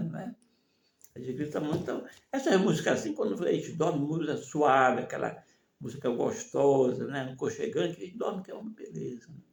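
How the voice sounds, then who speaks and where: An older man vlogger with a gravelly voice pitched a bit high for a man gives a rambling, folksy advice monologue, animated and at normal speed. He moralizes and constantly asks "né?" and "não é mesmo?", recorded in an echoey room.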